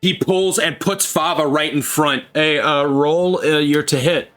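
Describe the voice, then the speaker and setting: A man running a tabletop game who narrates the action in an unhurried, measured way. His voice is bright and clear, at a middle pitch, with faint music playing underneath. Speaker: game master.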